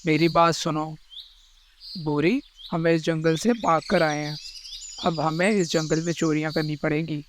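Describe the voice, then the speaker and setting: Man as a higher-voiced, commanding bird crook. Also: steady tone, a little slow, a little hiss or hum, lightly acted. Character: male bird thief, brisk, practical petty crook. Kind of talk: cartoon character voice acting.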